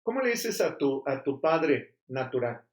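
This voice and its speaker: A man's voice: mid-range voice, sing-song, unhurried, reverberant. A man preaching a sermon as pastor, emphatic and full of rhetorical questions.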